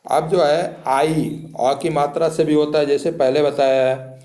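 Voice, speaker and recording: A man's voice: a little high, fairly even intonation, measured pace, warm tone. A man teaching a lesson, spelling words out letter by letter and repeating the rules. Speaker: English teacher. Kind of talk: spoken classroom lesson. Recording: echoey room.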